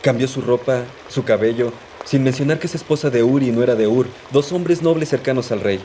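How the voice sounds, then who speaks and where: An actor playing a loyal, protective palace head cook in a dubbed period drama, deferential and persuasive. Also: male voice, medium pitch, brisk, dark tone, slight background noise, lightly acted. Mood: obsequious.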